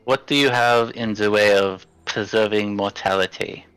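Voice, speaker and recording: A man with a fairly low voice speaks in character at a tabletop game, answering in a dry, matter-of-fact way. Music runs quietly behind him. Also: fairly even intonation, normal speed, smooth, no room sound, poor audio. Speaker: player. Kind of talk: casual in-character tabletop play.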